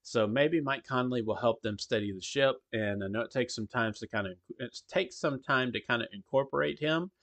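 A man's voice: medium pitch, moderate pace, few pauses, fairly bright tone. A man hosting a podcast in casual sports talk. His voice sounds hollow and echoing, as if he were in a tunnel, because his mic is faulty. He talks in a rambling way, with frequent ums and restarts. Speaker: podcast host.

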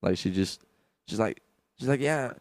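A young man co-hosting a podcast, trading crude jokes and laughing loudly as he talks into a microphone. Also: fairly low pitch, normal speed, no room sound. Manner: loud laughing, jumps into put-on voices. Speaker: podcast co-host. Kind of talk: crude casual banter.

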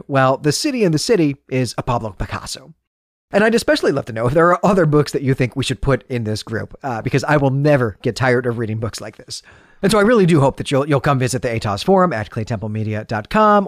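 In a partly scripted solo segment, the host of a book review podcast offers polished, literary commentary chosen with care. He has a slightly high voice, captured as a dry, clean studio recording.

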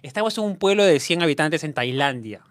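A young man co-hosting a casual podcast chat, telling animated stories and laughing at himself. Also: a little high, brisk. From Peru. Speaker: podcast co-host.

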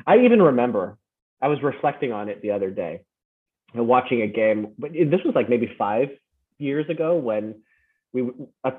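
A man who grew up in the Philippines and the United States, chatting as a podcast guest and often tagging his points with "right?". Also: mid-range voice. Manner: rambling, tag questions like "right?". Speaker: podcast guest, fan club founder. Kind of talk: casual interview chat. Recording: tinny phone-like remote line.

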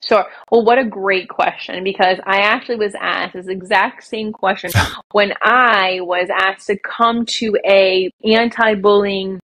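A woman speaks as a podcast guest, earnest and emphatic, with a mid-range voice. She talks in quick bursts and then slows to stress her points. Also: medium pitch, fairly even intonation, a bit bright, low-quality recording. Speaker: guest, children's author and speaker. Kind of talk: podcast interview.

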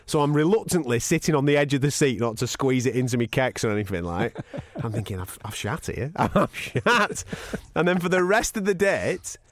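Fast, animated Northern English bloke. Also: male voice, medium pitch, dry recording. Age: 30s. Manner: blokey, sweary, matey. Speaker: podcast host. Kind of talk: casual chat, anecdote telling.

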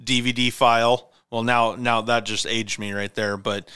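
A man's voice: mid-range voice, flat delivery, normal speed, pushed and bright, clean tone, no echo, studio quality. A man in his forties from Montana, hosting a casual podcast chat about movies in an easygoing, rambling way. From Montana, USA. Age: 40s. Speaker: podcast host.

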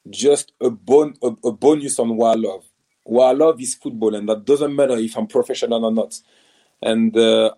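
A French man with a French accent and a mellow, mid-range voice, a former professional footballer, answers interview questions hesitantly, with many restarts and fillers.

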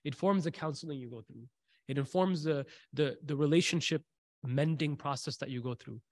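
In a recording with no room sound, a man teaching a faith class talks at normal speed in a slightly high voice. He weaves in stories, stresses important phrases by repeating them, poses questions to his audience and recites brief passages in Arabic.

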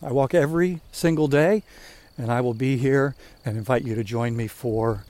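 A man's voice: medium pitch, moderate pace, a little mellow. A man in his sixties hosting a walking podcast, chatting casually and rambling a little as he walks outdoors. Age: 60s. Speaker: podcast host. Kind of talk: casual talk while walking. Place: outdoors on a walk.

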